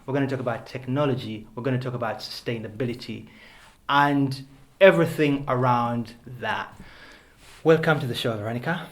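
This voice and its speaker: A man hosting a talk show greets his guest with effusive enthusiasm and keeps chiming in with warm affirmations. His voice sits at an everyday middle pitch. He asks questions in an upbeat, encouraging way. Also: moderate pace. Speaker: podcast host. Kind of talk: interview conversation.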